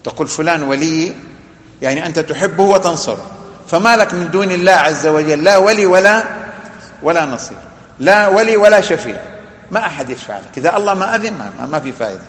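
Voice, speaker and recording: A man's voice: on the high side, expressive, quick pace. A man teaching a religious lesson, explaining a text with emphatic, repeated phrases and long lists. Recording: echoey hall.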